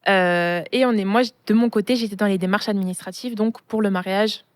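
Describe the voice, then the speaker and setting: A young woman from France telling her story as a guest in a casual, animated interview chat. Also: medium pitch, smooth, no echo. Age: young adult. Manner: animated storytelling, quick and chatty.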